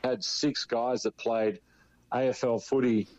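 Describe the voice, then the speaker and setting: A man's voice: mid-range voice, fairly even intonation, measured pace, darkish tone. Australian man telling stories on a lo-fi recording. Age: 50s. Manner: rambling, with frequent restarts and "you know". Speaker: interview guest, former footballer. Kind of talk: relaxed storytelling.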